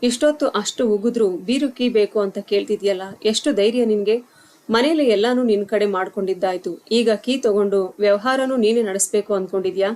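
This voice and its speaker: A woman's voice: medium pitch, fairly quick, a little mellow, close to an everyday voice. A woman voicing a scornful, harsh middle-aged mother-in-law who taunts and scolds in a storybook tale. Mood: mocking.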